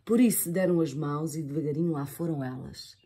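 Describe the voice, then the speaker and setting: A woman reading a children's story aloud, playful and expressive, adding sound effects. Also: deep voice, fairly quick, husky.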